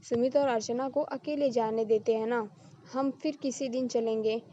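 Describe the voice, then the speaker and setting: A woman reading the lines of a patient, caring husband in a storybook drama, with a soft, reassuring delivery. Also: fairly high pitch, steady tone, moderate pace, muffled recording, natural voice.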